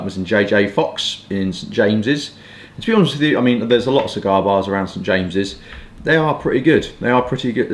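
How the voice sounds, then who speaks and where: Low-voiced young southern English man, rambling. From southeast England. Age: 20s. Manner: rambling, with hedging asides. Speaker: pipe and cigar review vlogger. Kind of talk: casual chat. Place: small furnished room at home, indoors. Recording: roomy echo, some background noise.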